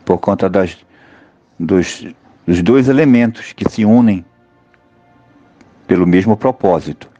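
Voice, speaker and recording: A Brazilian man teaching an online music seminar, talking in a halting way with many fillers and tag questions. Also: low voice, dark tone, no echo, muffled recording. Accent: Brazilian Portuguese.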